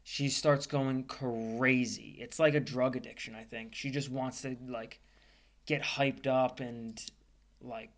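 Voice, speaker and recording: A man's voice: medium pitch, steady tone, slow pace. A man co-hosting a podcast, chatting casually and rambling with lots of fillers. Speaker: podcast co-host. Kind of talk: casual chat.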